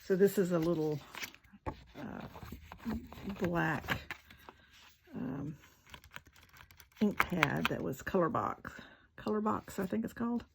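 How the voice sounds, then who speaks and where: A woman's voice: fairly low pitch, expressive, slow, vocal fry, pauses often, noisy background. A woman, talking casually through a craft tutorial, chatty and self-deprecating, with muttered asides while she works. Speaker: craft video maker.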